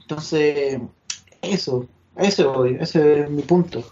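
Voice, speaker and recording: A man's voice: on the high side, slow pace, warm tone. A man with a Chilean accent hosting a casual wrestling podcast, rambling and slangy with many fillers. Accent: Chilean Spanish. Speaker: podcast host. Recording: dull lo-fi sound.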